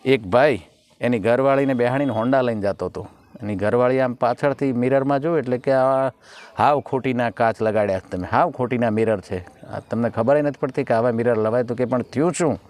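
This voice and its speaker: A man's voice: medium pitch, fairly quick, darkish tone. Man telling folk jokes. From Gujarat. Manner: chatty joke-telling with acted dialogue. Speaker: folk literature comedian. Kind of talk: Gujarati folk humor storytelling.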